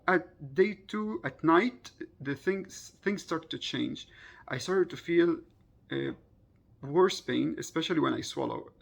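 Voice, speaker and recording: Gravelly, husky man recounting casually. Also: fairly high pitch, slow, a bit bright. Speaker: vlogger recounting a personal experience. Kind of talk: casual personal storytelling.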